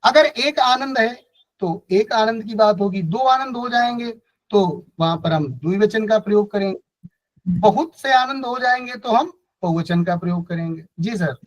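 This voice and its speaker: A man's voice: high voice, a little slow, rough recording. Guy teaching sanskrit grammar online, north indian hindi accent, keeps asking the class questions. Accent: Hindi-speaking North Indian, from Kanpur area. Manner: patient, explains step by step with questions to the class.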